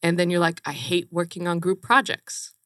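A woman's voice: lowish voice, flat delivery, normal speed, a bit bright, no echo, studio quality. A woman from Romania, a company co-founder, speaking earnestly and emphatically as an interview guest. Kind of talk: casual interview chat.

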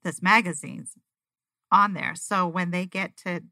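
A woman's voice: fairly low pitch, fairly even intonation, a little slow, pushed and bright, dry recording, studio quality. A woman talking casually as a guest, with an emphatic, enthusiastic way of explaining. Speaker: auditor, interview guest. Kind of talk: casual conversation.

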